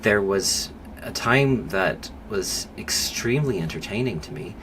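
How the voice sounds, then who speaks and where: Very deep-voiced male psychologist guest. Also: animated. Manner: thoughtful, measured, with pauses and fillers. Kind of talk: podcast interview conversation. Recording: clear background noise.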